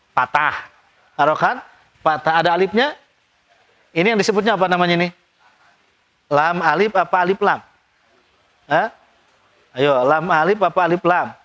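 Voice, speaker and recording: High-voiced teacher. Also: male voice, fairly bright tone. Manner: slow drawn-out recitation between quick explanations. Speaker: Quran recitation teacher. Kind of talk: tajwid lesson with recited examples.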